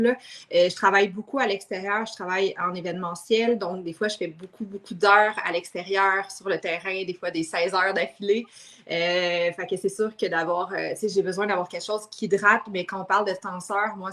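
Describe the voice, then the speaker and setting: Woman guest, thirties, rambling and hesitant, mid-pitched voice. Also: fairly even intonation, fairly quick, fairly bright tone. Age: 30s. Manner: chatty, hesitant, trails off with fillers. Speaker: guest customer. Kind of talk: casual chat.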